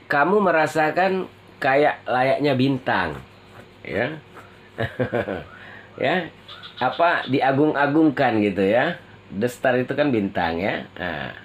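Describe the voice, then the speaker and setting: A man giving a tarot reading to his viewers, speaking in a slow, drawn-out way and tagging nearly every phrase with a questioning "ya". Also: mid-range voice. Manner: slow, drawn-out delivery with constant "ya" tag questions; addresses viewers as friends. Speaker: tarot reader.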